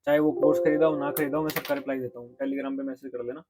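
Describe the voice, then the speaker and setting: A man's voice: mid-range voice, fairly even intonation, fast talker, darkish tone. A man, a coaching teacher giving exam advice to students in a casual, direct lecture, often checking in with his listeners. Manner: direct, repeats "ठीक है?" to check in.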